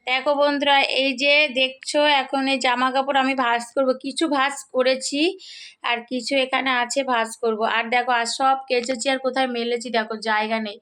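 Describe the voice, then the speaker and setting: A middle-aged woman, slightly hoarse, chatting casually to viewers through a daily-routine vlog and often checking in with them. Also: high-pitched, little pitch movement, fairly quick, fairly bright tone. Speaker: vlogger.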